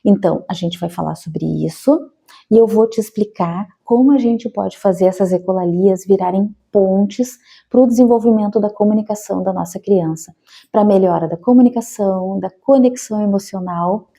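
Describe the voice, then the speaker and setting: A woman from Brazil speaks straight to parents in a chatty, explanatory way. She keeps checking in with short tag questions. Her voice is very dark and mellow, at a middle pitch. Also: moderate pace, creaky, slightly rough. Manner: conversational, frequent tag questions. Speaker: educational psychologist.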